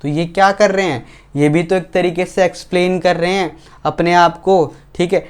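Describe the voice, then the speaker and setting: A man teaching English grammar in an online lesson, speaking slowly and deliberately, asking questions and answering them himself. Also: high-pitched, steady tone, clean tone. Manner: slow, deliberate, asks and answers his own questions; spells out English example sentences word by word.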